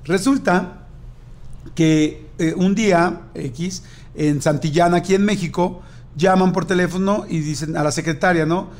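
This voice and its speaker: High-voiced Mexican man telling a story. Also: a little slow. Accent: Mexican Spanish. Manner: animated anecdote-telling, acting out dialogue. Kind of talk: casual chat.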